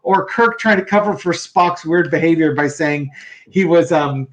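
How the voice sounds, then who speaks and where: Dry-humored tarot cohost guy, bit high voice, riffs and jokes. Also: normal speed. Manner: wry, joking, adds banter. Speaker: tarot reader and co-host. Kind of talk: casual chat.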